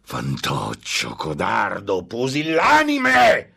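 A man voicing a gloating, impatient male demon who tempts a monk, drawing out his words slowly and menacingly. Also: fairly low pitch, expressive, pitched above the performer's own voice. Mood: furious. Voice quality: slow, drawn-out menacing delivery.

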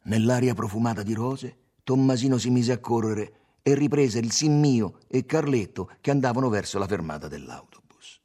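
A man giving a theatrical, expressive reading of a literary novel on a studio mic. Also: medium pitch, normal speed. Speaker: audiobook reader.

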